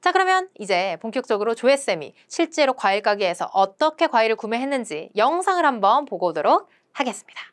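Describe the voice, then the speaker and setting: A woman teaching French travel phrases, repeating each example slowly and clearly, then explaining in a brisk, lively way. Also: a little high. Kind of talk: language lesson with slow repeated example phrases.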